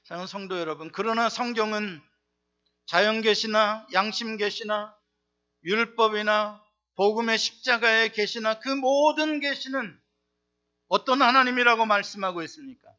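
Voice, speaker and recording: A man pastor preaching a sermon with emphatic rhetorical questions, swinging between loud outbursts and soft asides. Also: high-pitched, normal speed, dull audio.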